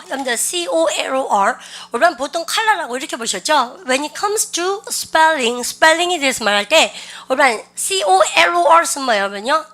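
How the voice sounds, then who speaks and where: Woman vocab teacher, fairly high and bright-toned, lively and coaxing with the class. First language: Korean. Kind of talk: classroom lecture.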